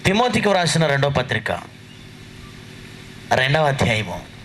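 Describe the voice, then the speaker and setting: A man preaching a sermon in a church. He scolds the congregation with rapid rhetorical questions and reads scripture slowly and deliberately. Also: medium pitch, very animated, fairly bright tone, slight background noise, poor audio.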